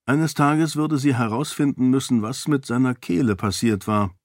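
A man reading a fantasy novel as an audiobook narrator, measured and even. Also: medium pitch, no echo, studio quality. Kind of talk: scripted narration.

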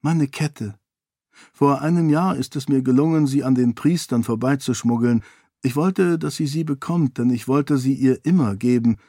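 A man voicing a grieving woman, an exiled mother who speaks softly and sorrowfully in an audiobook. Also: mid-range voice, normal speed, no echo, studio quality, natural voice. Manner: soft, sorrowful.

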